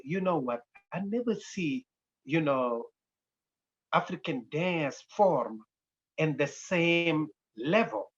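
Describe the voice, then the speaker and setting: A man in his sixties with a Senegalese accent, a dance company founder telling his life story in a halting, unhurried way with many fillers. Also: medium pitch, bright, forceful tone. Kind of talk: personal interview storytelling. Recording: dull lo-fi recording.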